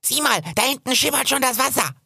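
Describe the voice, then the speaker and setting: A man's voice: very high voice, fast talker, creaky, sharp tone, husky, no room sound, clean studio sound, pitched above the performer's own voice, full character voice. A man voicing a chatty, cheerful squirrel in a storybook, talking in a choppy, rambling stream. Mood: eager.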